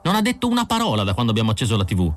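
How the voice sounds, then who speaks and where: A male audiobook narrator voicing an excitable android woman who speaks high and insistently. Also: racing. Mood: agitated.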